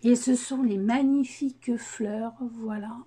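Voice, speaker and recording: Slow, mellow-voiced woman unboxing craft papers. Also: fairly high pitch, steady tone, husky. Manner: hesitant, many fillers, enthusiastic about papers. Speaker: crafting vlogger. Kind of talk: casual unboxing chat.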